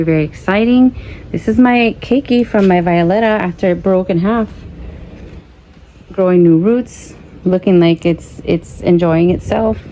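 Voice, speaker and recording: A woman's voice: lowish voice, dark tone, poor audio. A woman chatting casually to viewers as a plant vlog host, effusive and repeating phrases, with Spanish words slipped into her English. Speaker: host of an orchid-growing vlog. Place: outdoors in an orchid pergola. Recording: clear ambient outdoor background noise.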